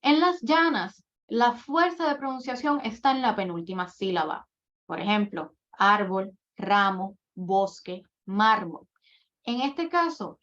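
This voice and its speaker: A woman's voice: on the high side, fairly bright tone. A woman giving a workshop lecture, explaining writing rules step by step with example after example. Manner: methodical, lists rules and examples one by one. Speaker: admissions coordinator giving a workshop. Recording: dull lo-fi recording.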